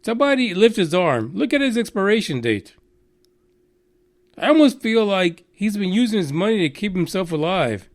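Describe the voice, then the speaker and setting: A high-pitched, sing-song Texan voice at normal speed hosts radio news. The talk is rambling and derisive, loaded with curses and filler.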